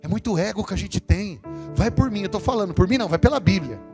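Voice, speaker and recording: A man with a Brazilian Portuguese accent giving a parish sermon, lively and conversational, with jokes. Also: high-pitched, fast talker. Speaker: lay preacher. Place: parish church. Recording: long church reverb with guitar music.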